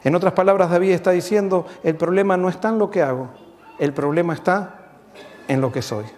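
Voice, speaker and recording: A man preaching a sermon as pastor, earnest, swelling on key points and dropping low and soft when reading scripture. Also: fairly quick, big-room sound.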